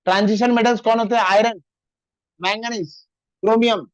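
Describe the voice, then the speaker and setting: Man, chemistry teacher, high voice, classroom lecture, dictates slowly, scolds chatter, dry lo-fi sound. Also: fairly even intonation, no echo.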